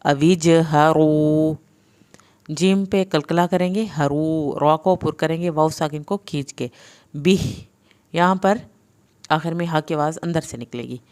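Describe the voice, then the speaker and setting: A woman teaching Quran recitation. She recites slowly, then explains each sound patiently, step by step. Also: sits low, a little mellow. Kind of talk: tajweed lesson, slow chanted recitation then spoken explanation.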